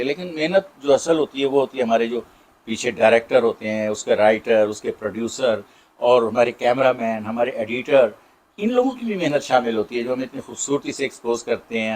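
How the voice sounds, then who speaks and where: A middle-aged actor with a Saraiki accent, answering interview questions in a warm, grateful way with many pauses. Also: male voice, medium pitch. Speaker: Saraiki drama and film actor.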